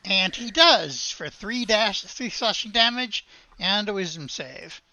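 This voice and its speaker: A woman's voice: mid-range voice, big pitch swings, unhurried, bright, forceful tone, no echo. A woman running a tabletop game as game master, explaining rules in an easygoing, patient way.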